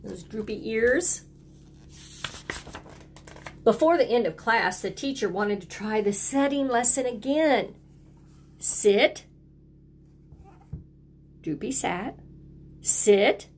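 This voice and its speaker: A woman reads to young children from a picture book, teacher-style, in a fairly high, expressive, husky voice. She keeps her phrasing simple and deliberate and prompts the listeners to join in by repeating words.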